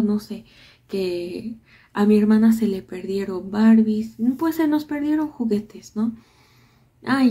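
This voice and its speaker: A woman tells her memories in a very dark, mellow voice. Her tone is husky and breathy. She speaks softly and often drops almost to a whisper. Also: mid-range voice. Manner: soft-spoken, often drops to a near whisper. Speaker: vlogger. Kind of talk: casual storytelling of childhood memories.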